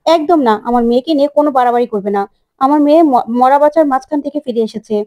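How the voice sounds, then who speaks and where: A woman voicing an angry, protective middle-aged mother who snaps back fast. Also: sits high, close to an everyday voice. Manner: fast, sharp, refusing.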